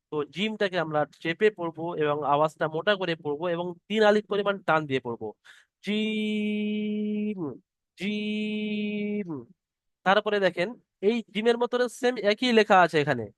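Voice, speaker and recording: A man teaching the Arabic alphabet in an online class, patiently sounding out each letter slowly and explaining how to pronounce it. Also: on the high side, fairly bright tone, clear, resonant tone, no echo, clean studio sound. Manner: slow, patient, drawn-out letter demonstrations. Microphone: computer mic on a video call.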